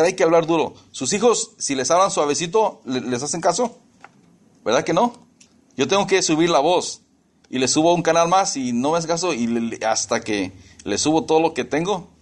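Middle-aged male pastor, sermon delivery, mid pitch, swings in emphasis, rhetorical questions. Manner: preaching with scripture reading and rhetorical questions.

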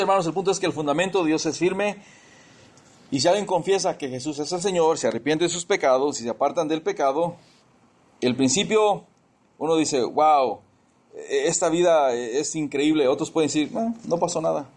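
A man's voice: on the high side, breathy edge. A man preaching a casual sermon, mixing personal testimony with scripture and often repeating or restarting his words.

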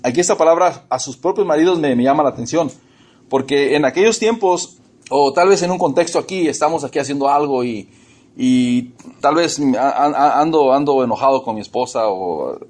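Male pastor, emphatic sermon delivery, middle pitch, repeats words and questions the congregation. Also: lively intonation, normal speed, darkish tone.

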